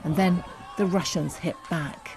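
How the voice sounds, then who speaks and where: A woman's voice: on the low side, steady tone, unhurried, gravelly, noisy background. A woman narrating a scripted news report as a correspondent.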